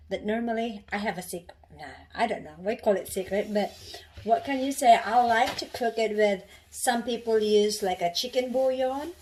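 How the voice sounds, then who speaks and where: A woman's voice: medium pitch, slight background noise. A woman from the Philippines casually talking through a home cooking demonstration in her kitchen, rambling and restarting often. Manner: chatty, rambling, with many restarts and fillers.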